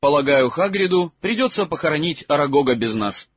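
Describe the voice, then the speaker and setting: A man voicing an earnest, quiet teenage boy in an audiobook. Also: a little high, animated, a little fast, breathy edge, dry recording, pitched above the performer's own voice. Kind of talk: audiobook character reading. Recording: slightly dull, dry recording.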